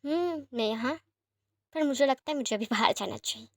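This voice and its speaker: A woman voicing a kind mother who speaks softly and lightly, in a fan-fiction story reading. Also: high voice, a little fast, no room sound, clean studio sound. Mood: amused. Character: kind mother, quietly amused.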